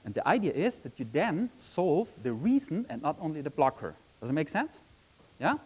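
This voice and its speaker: A man's voice: on the high side, sing-song, moderate pace, breathy edge, poor audio. Chatty man giving a conference talk. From Austria. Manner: chatty, frequent "um" and tag question "right?". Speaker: conference speaker. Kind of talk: conference presentation. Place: conference session room.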